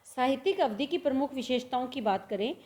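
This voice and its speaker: A woman teaching a lesson, explaining word examples step by step, slowing to repeat them and asking herself questions as she goes. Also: high-pitched, expressive, a little mellow. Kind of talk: Hindi literature lecture.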